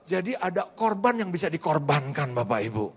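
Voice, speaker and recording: Middle-aged pastor guy preaching, kinda high voice, big reverby church hall. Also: a little fast, slightly rough. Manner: lively storytelling preacher, often addresses the congregation. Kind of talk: sermon.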